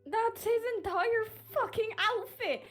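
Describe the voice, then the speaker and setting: A woman's voice: extremely high pitch, unhurried, a bit bright, soft background music. A woman playing her character in a game roleplay chat, dry, blunt and sweary, breaking into sudden laughs. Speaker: roleplay player.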